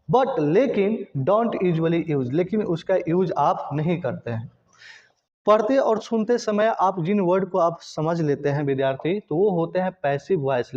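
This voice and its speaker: A man's voice: high voice, dark tone, lo-fi sound. A man teaching English grammar to students, repeating key points and often checking whether they follow. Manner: addresses students directly, repeats and checks understanding. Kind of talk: classroom lesson.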